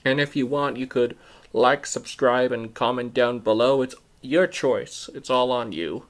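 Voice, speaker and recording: A man hosting his own channel, reading an original story aloud in a plain, steady way and ending with a casual sign-off. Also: mid-range voice, unhurried. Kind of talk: amateur story narration.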